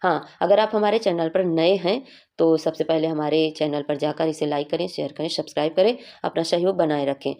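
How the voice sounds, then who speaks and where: Patient woman tutor with a lowish voice. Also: brisk, warm tone. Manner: explains patiently, often asks "है ना" to check understanding. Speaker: Hindi exam tutor. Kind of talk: exam revision lesson.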